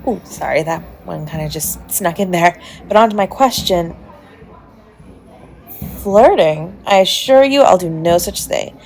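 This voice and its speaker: Speaking a little slowly in a fairly low, creaky, slightly mellow voice, a woman expressively portrays a flirtatious adult stranger at a party. Her chatty, coy, teasing lines form an intimate one-sided romantic roleplay addressed to the listener. Music runs underneath, and the recording is rough.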